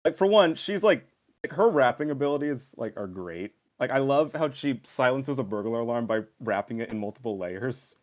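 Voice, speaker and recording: A man's voice: medium pitch, expressive, normal speed. A man co-hosting a podcast, talking casually and enthusiastically about a movie he loves. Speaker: podcast co-host.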